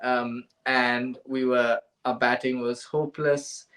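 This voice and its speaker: A man chatting casually as co-host of a cricket quiz. He tells stories with animation and slips into quick impressions of commentators. His voice sits at an ordinary middle pitch. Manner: animated storytelling, acts out commentators' lines. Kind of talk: casual chat.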